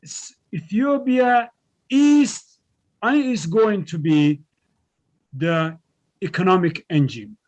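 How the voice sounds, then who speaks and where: Male academic guest, higher-pitched voice, measured and emphatic. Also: lively intonation, darkish tone. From Somalia. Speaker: guest economics professor. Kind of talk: formal interview answers.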